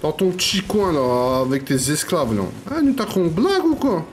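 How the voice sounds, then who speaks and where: Excitable high-voiced man trash-talking a game. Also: normal speed, soft background music. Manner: slangy, swearing trash talk at enemies; excitable, repeats phrases. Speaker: gaming YouTuber. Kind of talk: live gameplay commentary.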